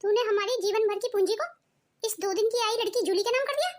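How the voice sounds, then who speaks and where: A woman's voice: extremely high pitch, fast. A woman voicing an elderly mother-in-law in a cartoon family story, scolding and pleading by turns. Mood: angry. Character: proud elderly mother-in-law, later remorseful. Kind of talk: cartoon voice acting.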